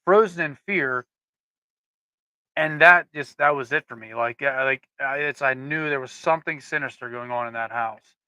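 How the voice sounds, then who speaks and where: A man's voice: mid-range voice, moderate pace, bright, forceful tone, clear, resonant tone, no echo, low-quality recording. A man co-hosting a casual podcast chat, telling rambling stories with frequent restarts. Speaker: podcast co-host.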